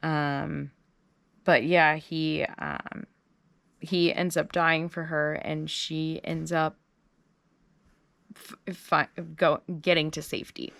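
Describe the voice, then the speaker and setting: A woman reviews a film in a loose, heartfelt ramble, stumbling over her words. Her voice sits low with a gravelly edge, and she takes her time. The sound is dry and close. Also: little pitch movement, slow, long pauses, a bit bright, no room sound. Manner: heartfelt, rambling, full of fillers and restarts. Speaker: host of a horror film review channel. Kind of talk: casual spoken film review.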